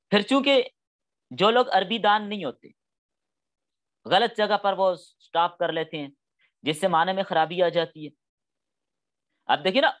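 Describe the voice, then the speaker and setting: A man's voice: fairly high pitch, a bit bright. A middle-aged man teaching a class on Quran studies, explaining patiently step by step and acting out spoken examples. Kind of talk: classroom lecture.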